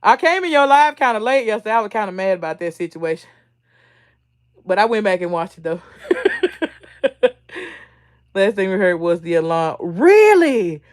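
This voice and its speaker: Hosting her own livestream, a woman with a mid-range voice chats casually, reading viewers' comments aloud and laughing a lot. Her pitch swings widely, her speed is normal, and she leaves long pauses.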